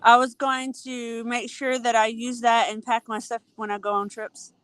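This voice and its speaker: A woman from Tennessee with a Southern accent, chatting excitedly and laughing as a podcast guest. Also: a little high, normal speed, smooth. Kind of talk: casual chat.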